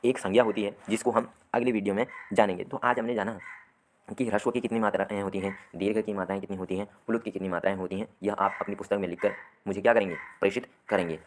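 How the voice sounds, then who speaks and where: A man with a somewhat low voice teaches a grammar lesson in a patient classroom manner. He keeps posing questions to his students and answering them himself, with a steady "theek hai" between points. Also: quick pace. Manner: repeats "theek hai" often.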